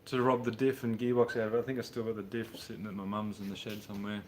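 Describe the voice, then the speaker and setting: A fast-talking Brisbane man in his thirties, voice fairly low and flat, rambles through a relaxed livestream answering his viewers. His Australian accent and slang come through from a home mechanic workshop with a car raised on a hoist, against slight background noise.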